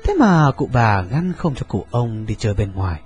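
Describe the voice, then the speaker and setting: Một người đàn ông kể truyện đọc, giọng chừng mực. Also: male voice, mid-range voice, big pitch swings, normal speed, highs cut off, soft background music. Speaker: narrator. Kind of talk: audiobook narration.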